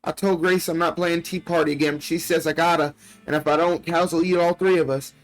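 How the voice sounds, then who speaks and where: Man voicing a frightened little country girl, high-pitched. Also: fairly even intonation, fairly quick, close to an everyday voice. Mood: plaintive, uneasy. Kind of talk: reading video game text aloud.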